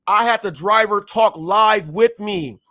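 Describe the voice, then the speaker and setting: A man's voice: sits high, measured pace, pushed and bright. A man in his forties hosting a live show who stutters, talking in a boastful, confrontational way as he calls out his critics. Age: 40s. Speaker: host. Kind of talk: ranting live-stream commentary.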